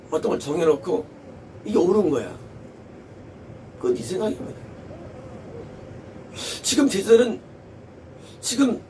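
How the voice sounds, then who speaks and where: A man's voice: high-pitched, darkish tone, recorded from a distance, a little hiss or hum, rough recording. A male pastor preaching a sermon with emphasis, repeating key phrases and asking rhetorical questions.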